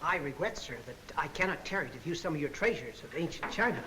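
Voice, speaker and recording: A man's voice: a little high, animated, quick pace, lightly acted. An actor playing an earnest, courteous young man with formal, flowery phrasing in a 1930s comedy film. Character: earnest, courteous young man raised among missionaries in China. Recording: hissy 1930s film soundtrack.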